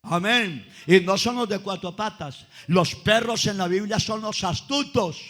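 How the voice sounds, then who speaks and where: Fiery high-pitched Colombian preacher man. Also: expressive, unhurried. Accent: Colombian Spanish. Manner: dramatic, swings from shouted praise to low intimate tones. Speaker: pastor. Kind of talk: Pentecostal revival sermon. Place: church service before a congregation.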